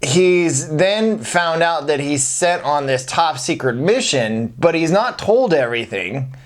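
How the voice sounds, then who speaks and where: A man's voice: a little high, expressive, measured pace. A man co-hosting a casual film review chat, conversational and careful to frame things as his own opinion. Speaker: film review show co-host.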